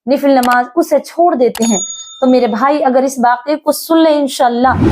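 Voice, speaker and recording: A woman's voice: high-pitched, a little mellow. Earnest woman giving a religious sermon. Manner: addresses listeners as dear brothers, earnest and repetitive. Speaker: preacher.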